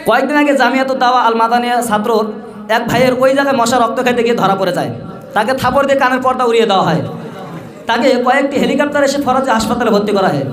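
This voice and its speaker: A man's voice: very high-pitched, quick pace. A man playing a parody news anchor, reading absurd bulletins in a mock-formal, serious way. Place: echoey room or hall at a madrasa event. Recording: echoey event-hall recording.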